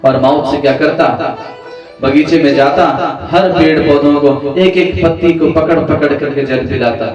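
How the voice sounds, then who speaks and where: A man's voice: fairly high pitch, unhurried, lo-fi sound. A male spiritual teacher telling a parable in a devotional sermon, repeating phrases as he goes. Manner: storytelling, repetitive, devotional. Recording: echoey room, distant mic, sitar music. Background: sitar music.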